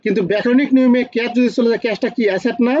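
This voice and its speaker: A man with a high voice and a Bangladeshi Bengali accent lectures quickly in an online class. He keeps asking students questions and repeating key points. The sound is dull and lo-fi, like a computer mic on a video call. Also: steady tone, darkish tone, no room sound. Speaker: accounting teacher.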